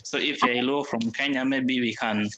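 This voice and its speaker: A man's voice: medium pitch, steady tone, normal speed, a bit bright, highs cut off, slight background noise. A young man from Uganda, talking as a guest over a video call from a veranda, hesitant and often restarting. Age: young adult. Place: veranda outdoors.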